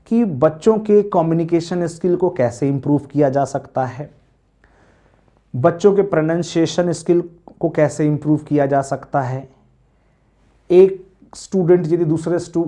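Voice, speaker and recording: A man's voice: on the high side, mellow. A young man, lecturing as a teacher preparing students for a teaching exam, asking questions and answering them himself.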